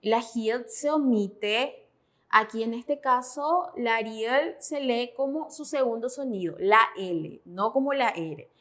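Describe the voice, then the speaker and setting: A woman's voice: fairly high pitch, slow, a bit bright. A woman teaching Korean pronunciation in Spanish, methodical and often checking in with her students. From Paraguay. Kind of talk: classroom explanation.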